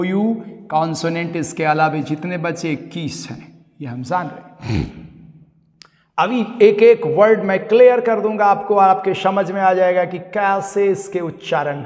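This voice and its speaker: A man teaching an English grammar lesson to a class, explaining step by step, repeating key words and checking with his students. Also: high-pitched. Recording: long reverb of a hall.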